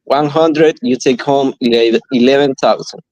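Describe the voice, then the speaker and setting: A man from Ecuador calling in to a betting show, earnest and halting. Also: medium pitch, a little mellow, no room sound, highs cut off. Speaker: caller. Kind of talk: casual chat.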